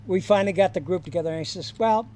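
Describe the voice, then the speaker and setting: An older man telling stories from his years as a high school counselor in a casual podcast chat, chuckling and acting out the quoted lines. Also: darkish tone, slight background noise. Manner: chuckling anecdotal storyteller, acts out quoted lines.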